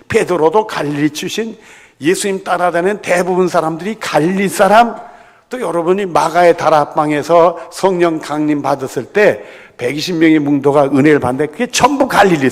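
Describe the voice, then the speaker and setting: A man's voice: on the high side, brisk. A middle-aged male pastor preaching a sermon with a slight Chungcheong lilt, telling stories and acting out the voices in them. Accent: Chungcheong-tinged Korean. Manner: animated storytelling, acting out quoted voices. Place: large church sanctuary. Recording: long church hall reverb.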